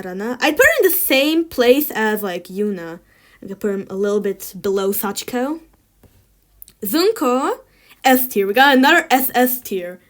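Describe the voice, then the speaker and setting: Chatty, opinionated woman with higher pitch. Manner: chatty and opinionated, many "like" fillers. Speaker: tier list creator. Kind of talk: casual chat.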